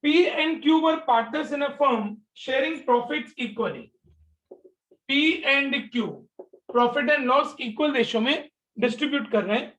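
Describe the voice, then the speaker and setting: A man's voice: extremely high pitch, fast talker, a bit bright, recorded from a distance, low-quality recording. A male teacher giving an online class. His voice glitches, stretches and jumps over a bad internet connection. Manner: calls students "beta", asks and answers his own questions. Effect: glitchy, stretched, jumping voice from a bad internet connection.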